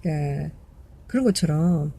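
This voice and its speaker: A middle-aged woman telling a personal story in a hesitant, soft-spoken way, full of fillers and restarts. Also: low-pitched, moderate pace, vocal fry, breathy edge.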